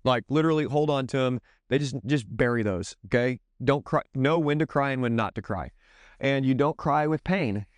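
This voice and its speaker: A man's voice: medium pitch, normal speed, smooth, no echo. A middle-aged man talking to other parents in a casual teaching style, earnest and rambling, often stopping to correct himself.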